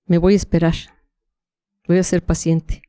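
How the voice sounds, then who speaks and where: A gentle young nobleman reassures his frightened bride in a low, smooth voice, as a woman quotes him in her story. He speaks softly and patiently. The sound is dry and close. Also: flat delivery, a little slow, no room sound, close to an everyday voice. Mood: tender. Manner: soft, reassuring.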